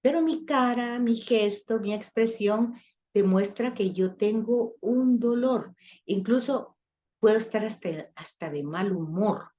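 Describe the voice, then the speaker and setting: A woman's voice: medium pitch, dark tone, lo-fi sound. A woman leading a church study session, explaining patiently with everyday examples and speaking directly to her listeners. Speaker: Bible class teacher.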